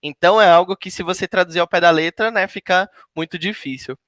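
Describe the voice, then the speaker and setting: A Brazilian man with a fairly high voice, hosting a casual interview. He explains things patiently and keeps checking in with tag questions, recorded dry and close. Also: fast, fairly bright tone, no echo. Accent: Brazilian Portuguese. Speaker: host.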